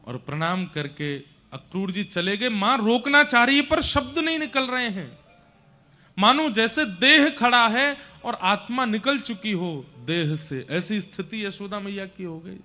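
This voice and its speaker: A man narrating a devotional tale with dramatic feeling. His voice sits high and rings bright and forceful. Faint music plays underneath. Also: animated, a little slow. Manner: emotive, dramatic. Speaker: religious storyteller.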